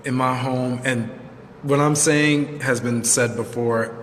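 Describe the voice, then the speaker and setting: A man co-hosting a live chat, speaking in an earnest and measured way about personal struggles. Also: mid-range voice, fairly even intonation, long reverb tail, a little hiss or hum. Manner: measured, heartfelt, speaks in long sentences. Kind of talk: earnest, reflective sharing.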